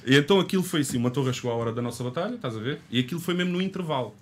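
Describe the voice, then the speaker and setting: A man with a Lisbon-area Portuguese accent talks fast in casual podcast chat. He stammers now and then, swears freely and tells stories with animation, over faint room ambience. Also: mid-range voice, animated, a little hiss or hum. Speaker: rapper and podcast co-host.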